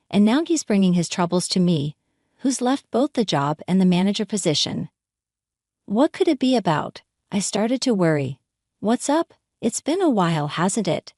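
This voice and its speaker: A woman narrating a first-person family drama story in an expressive, lively manner. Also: mid-range voice, no echo, clean studio sound.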